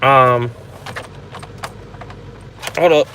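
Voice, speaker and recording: A man's voice: medium pitch, steady tone, very slow, bright, forceful tone, a little hiss or hum. Rambling, blunt man hosting a live Q&A. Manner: rambling, blunt, swears, frequent restarts. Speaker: host of a paranormal channel. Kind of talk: casual live Q&A chat.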